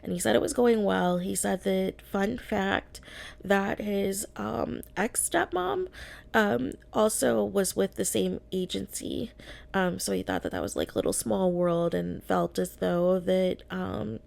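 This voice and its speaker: A woman hosting a casual YouTube reaction recap, sounding slightly sick and pausing often on drawn-out ums as she talks to viewers. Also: medium pitch, expressive, vocal fry, darkish tone. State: slightly under the weather, getting over an illness.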